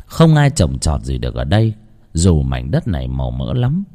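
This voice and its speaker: A man narrating a ghost story in a dramatic, hushed storytelling manner. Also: very deep voice, wildly swooping pitch, normal speed.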